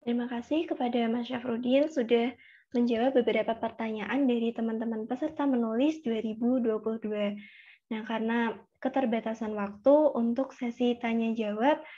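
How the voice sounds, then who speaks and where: A woman's voice: on the high side, dark tone, muffled recording. A woman moderating a webinar, speaking politely and a little formally as she wraps up the question session. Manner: polite, composed, slightly formal.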